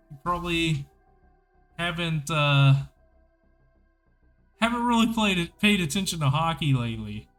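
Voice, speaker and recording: An excitable male podcast host with a slightly higher voice, chatting casually about hockey on a livestream. He talks slowly and rambles as he goes, with faint music playing under his voice.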